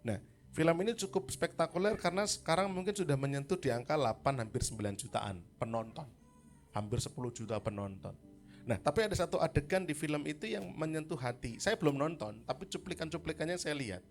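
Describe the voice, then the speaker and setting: A man's voice: on the high side, lively intonation, brisk, faint music behind. A man preaching a sermon at a church service, talking casually with the congregation and calling on people by name. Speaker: pastor. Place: church service in a hotel hall.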